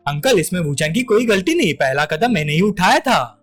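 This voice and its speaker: A man's voice: high voice, sing-song, fairly quick, a bit bright, full character voice. A man voicing a poised, affectionate young woman in a story recap. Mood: warm.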